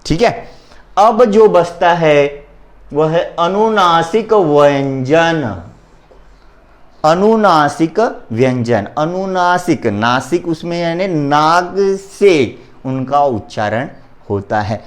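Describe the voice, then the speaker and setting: A man's voice: on the high side, expressive, slow pace. A man teaching a Hindi grammar lesson to his students, spelling out letters one by one and having them repeat after him. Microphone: recording for an online lesson.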